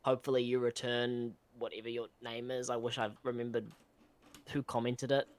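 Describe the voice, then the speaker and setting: A man's voice: medium pitch, flat delivery, moderate pace. A young man co-hosting a casual chat, easygoing and hesitant, with frequent ums and restarts. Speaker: co-host.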